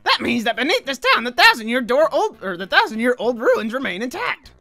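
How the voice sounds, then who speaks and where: A woman's voice: fairly high pitch, very animated, a little fast, pushed and bright, faint music behind, pitched above the performer's own voice, heavily acted. A woman voicing an eccentric male scientist professor, reading game dialogue aloud and stumbling over some words. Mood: lecturing.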